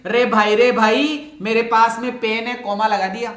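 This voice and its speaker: A man teaching English punctuation in an online coaching lecture, who repeats his phrases, drawls out the example sentences very slowly and calls his students "my child". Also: very high voice, little pitch movement, fairly bright tone, roomy sound.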